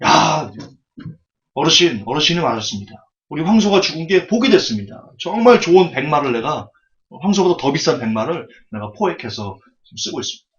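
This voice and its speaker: A man doing a hot-tempered shouting farmer. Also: a little high, sing-song, fairly quick. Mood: elated. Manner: shouting complaints, huffing. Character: hot-tempered male farmer, loud and indignant. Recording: dull lo-fi recording.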